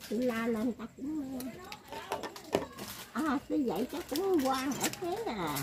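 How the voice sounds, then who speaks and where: Old woman rambling over loud noise. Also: sits high, animated, a little slow. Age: older. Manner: rambling, laughs often while talking. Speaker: elderly woman being interviewed. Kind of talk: casual rambling chat.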